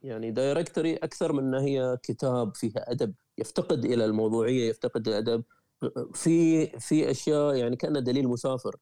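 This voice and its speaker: A man with a Gulf Arabic accent from Qatar, a traveler and writer talking as an interview guest, telling stories in a lively way with frequent restarts. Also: medium pitch, fast, no room sound, clean studio sound. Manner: lively storyteller, frequent self-corrections and restarts. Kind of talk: conversational interview.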